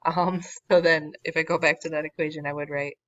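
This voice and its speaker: A woman's voice: low voice, flat delivery, fairly quick, fairly bright tone, no echo. A woman math teacher walking through a word problem in a recorded lesson, casual and wry, losing her voice. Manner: casual, self-deprecating, wry asides. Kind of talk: recorded classroom lesson walkthrough. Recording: dull lo-fi recording, dry.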